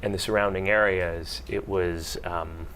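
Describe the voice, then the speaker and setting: A man's voice: deep voice, fairly even intonation, a little slow, fairly bright tone, a little hiss or hum. A man from Pittsburgh, a PhD student in marine biology, answering panel questions informally with many fillers. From Pittsburgh, United States.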